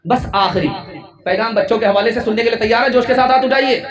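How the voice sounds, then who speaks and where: A man's voice: very high voice, a crowd in the background. A man preaching a sermon as a mufti, pleading passionately with his audience. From India.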